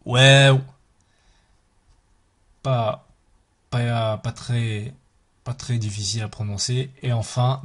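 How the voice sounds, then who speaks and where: A man's voice: mid-range voice, husky. A man teaching a language lesson, saying each letter aloud and repeating it several times. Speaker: Arabic teacher.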